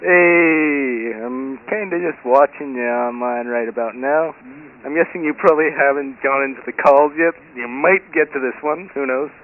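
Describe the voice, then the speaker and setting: A man's voice: mid-range voice, normal speed. A man leaving a rambling, offhand message for a show over the phone. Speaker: caller. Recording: tinny hissy phone line.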